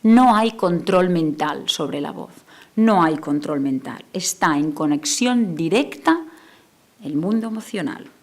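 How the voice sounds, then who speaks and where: A woman speech therapist, Catalan native, giving a conference talk, moving between a soft lowered voice and emphatic bursts. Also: lively intonation, slow pace. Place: lecture hall.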